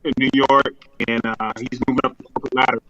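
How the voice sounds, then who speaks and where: A man's voice: medium pitch, flat delivery, fast, lo-fi sound, noisy background. A man joining a casual show remotely, heard through a cell phone on speaker, talking in a laid-back, wry way. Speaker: podcast guest. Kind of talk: casual chat. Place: calling in remotely.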